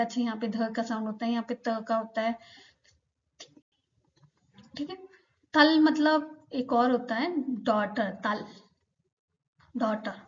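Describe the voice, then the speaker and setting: एक महिला शिक्षिका धैर्य से पाठ समझाती है और हर उच्चारण को धीरे-धीरे दोहराती है।. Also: female voice, on the high side, highs cut off. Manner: patient, repeats each sound slowly for learners. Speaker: Korean language teacher. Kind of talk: slow explanatory lesson.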